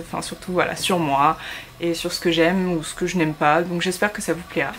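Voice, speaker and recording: A woman's voice: mid-range voice, a little hiss or hum. A woman in her twenties from France, talking casually to camera for her vlog, chatty, with many fillers and restarts. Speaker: YouTuber. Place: at home in Korea.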